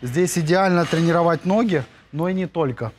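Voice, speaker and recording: A man's voice: on the high side, normal speed, darkish tone. Upbeat man touring a big gym. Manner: enthusiastic, chatty, hesitant fillers. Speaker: fitness vlogger. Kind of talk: walking gym tour. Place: large indoor gym. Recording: music playing under the voice. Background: background music.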